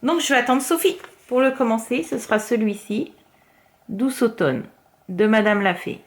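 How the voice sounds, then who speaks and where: Woman vlogger chatting about her crafts, fairly high voice, lots of fillers, sometimes goes soft and murmury. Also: normal speed. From France. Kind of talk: casual show-and-tell chat.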